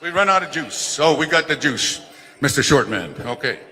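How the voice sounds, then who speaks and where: A man emceeing a powwow, rallying the dancers with folksy, encouraging humor. His voice is slightly high and very bright and forceful. It rings out over a gymnasium PA with long reverb. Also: sing-song, normal speed. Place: large indoor gymnasium.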